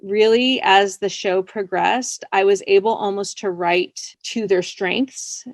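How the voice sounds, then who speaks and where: A woman scriptwriter answers interview questions in a loose, rambling way, sprinkling in "like" and "you know." Her mid-range voice has fairly even intonation and a slow pace, with no room sound at all.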